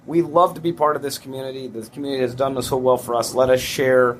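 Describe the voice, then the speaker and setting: A man who runs a brewery, talking as a guest in a relaxed, rambling way with enthusiastic restarts. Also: medium pitch, fast talker, a little hiss or hum. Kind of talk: casual interview chat.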